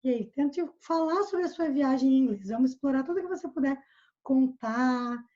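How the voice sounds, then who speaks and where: A woman's voice: high-pitched, animated, moderate pace, mellow. A Brazilian woman teaching English over a video call, explaining patiently and repeating examples. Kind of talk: online English lesson. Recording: muffled video call audio.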